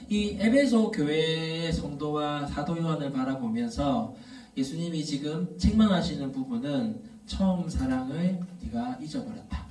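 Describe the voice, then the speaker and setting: A man's voice: on the high side, a little mellow, recorded from a distance. A man in his thirties preaching to a youth service. He tells stories and builds up to emphatic, repeated questions. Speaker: youth pastor. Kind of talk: sermon. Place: church worship hall. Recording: echoey room, voice from off mic.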